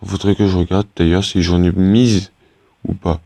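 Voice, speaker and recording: A man's voice: sits low, flat delivery, normal speed, creaky, warm tone, no echo. A teenage boy chatting casually to his viewers while playing a game, rambling and hesitant, full of fillers and restarts. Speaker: gaming YouTuber. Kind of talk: casual gameplay commentary.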